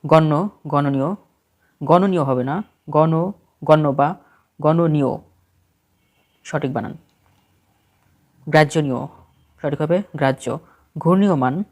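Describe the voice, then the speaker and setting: For exam prep, a man with a Bangladeshi Bengali accent and a fairly high voice reads out a spelling list. He works steadily through it, correcting each word in short phrases.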